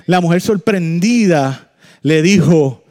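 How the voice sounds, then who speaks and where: A man preaching a sermon, joking and animated at times, then slowing into solemn, deliberate points. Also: on the high side. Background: soft piano music.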